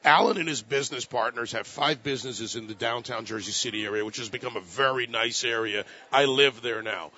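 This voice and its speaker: A man's voice: mid-range voice, brisk, hardly any pauses, sharp tone. A man on a political talk panel, telling stories and asking pointed rhetorical questions. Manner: storytelling, emphatic rhetorical questions. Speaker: political commentator. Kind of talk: panel discussion. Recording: dull lo-fi sound.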